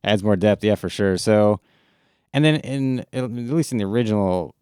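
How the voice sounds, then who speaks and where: A man's voice: fairly low pitch, moderate pace, dark tone, clear, resonant tone, dry recording. A man streaming from his home studio, chatting casually with his audience, laid-back and rambling, swearing often. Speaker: music streamer. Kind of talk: casual live-stream chat.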